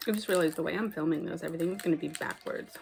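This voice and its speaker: Young woman, gravelly voice, blunt and chatty, phone camera, faint background noise. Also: deep voice, very fast, darkish tone. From United States. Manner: chatty, blunt, talks with mouth full. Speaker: vlogger. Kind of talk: casual snack taste test.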